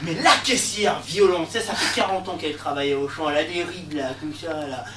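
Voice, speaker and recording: A young man performing a comic monologue in slangy street talk, breaking into sudden shouts. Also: on the high side, fairly quick, over music. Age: young adult. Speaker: stand-up comedian. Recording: echoey room, far mic, faint noise.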